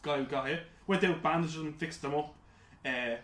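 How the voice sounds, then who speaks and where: A man co-hosting a casual gaming podcast, telling rambling, animated stories full of "like"s. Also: a little high, brisk. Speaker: podcast co-host. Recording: roomy with faint hiss.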